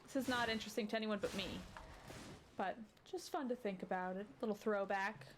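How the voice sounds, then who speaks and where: A woman's voice: mid-range voice, fairly quick, a little hiss or hum. A woman hosting a game playthrough, chatting in rambling asides and letting out sudden startled yelps. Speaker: let's play host. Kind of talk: casual gaming chat. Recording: game music under the voice. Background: game music.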